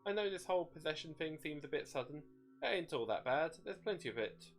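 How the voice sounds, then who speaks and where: Give it a cackling, bloodthirsty demon acted out by a man, pitched well above a plain voice. It wheedles and mocks in folksy slang, like a storybook villain, with music playing behind. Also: lively intonation, fairly quick. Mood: wheedling, gleeful. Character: gleeful bloodthirsty male demon shade possessing a woman. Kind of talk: dramatic storytelling character voice.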